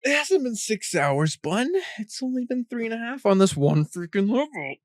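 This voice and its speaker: A man's voice: sits high, sing-song, normal speed, no room sound, clean studio sound. A man chatting and joking with friends while playing a game, laughing often and teasing. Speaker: gamer. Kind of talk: casual gaming chat.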